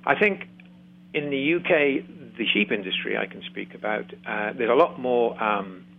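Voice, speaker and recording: A man's voice: mid-range voice, lively intonation, creaky. Englishman on a tinny phone line. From Shropshire, England. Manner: easygoing, halting with many fillers. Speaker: guest, farming consultant and radio host. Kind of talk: casual interview talk. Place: remote, not in the studio.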